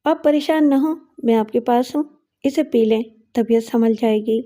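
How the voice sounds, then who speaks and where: A woman's voice: on the high side, mellow, lightly acted. A woman voicing a scheming young woman who poisons her father, sweet on the surface and cold underneath. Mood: falsely soothing.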